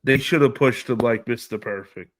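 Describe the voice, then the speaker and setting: A man hosting a casual live stream, reading viewer comments aloud and answering them in a relaxed, slangy way. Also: medium pitch, moderate pace. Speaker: livestream host reading chat.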